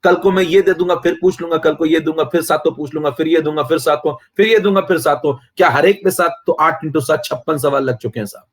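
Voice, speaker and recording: A man's voice: a little high, brisk, hardly any pauses. Boastful Hindi-speaking chemistry teacher, man. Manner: boastful, keeps asking students if they follow. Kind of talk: live-streamed online lecture.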